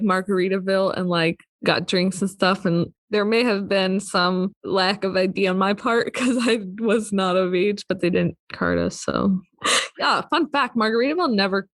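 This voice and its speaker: A young woman in her twenties chats on a podcast and giggles often, her talk full of fillers. Her voice has a medium pitch, and the close recording is dry. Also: dry recording. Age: 20s. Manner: chatty and giggly, with many likes. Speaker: podcast co-host. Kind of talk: casual chat.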